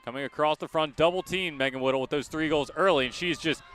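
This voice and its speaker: Outdoors at a sports field, a man calls live college lacrosse as a radio play-by-play announcer in crisp, short, present-tense phrases. His voice is fairly high and fairly bright, and he speaks fast.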